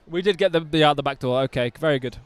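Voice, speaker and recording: A man's voice: fairly high pitch, fast talker, clean tone, no echo. A man doing live rugby commentary outdoors, chatty and enthusiastic with jokey asides.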